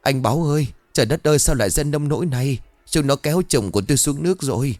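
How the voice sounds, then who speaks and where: A man's voice: medium pitch, lively intonation, brisk, a little mellow, no room sound, pitched above the performer's own voice, close to an everyday voice. A man voicing a hysterical middle-aged village widow who wails and pleads, in a storybook ghost tale. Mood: frantic pleading. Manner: wailing, pleading cries.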